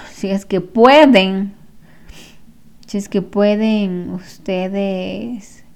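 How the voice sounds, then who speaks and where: A woman's voice: mid-range voice, mellow. A woman, a spiritual healing therapist, giving casual advice to viewers and repeating phrases for emphasis.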